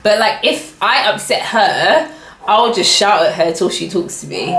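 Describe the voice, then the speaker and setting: A young woman chats animatedly, laughing often and packing her talk with "like". Her voice sits at a middling pitch. The recording carries a roomy echo. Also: lively intonation, unhurried, a bit bright, a little hiss or hum. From England. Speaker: vlogger. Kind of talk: casual chat.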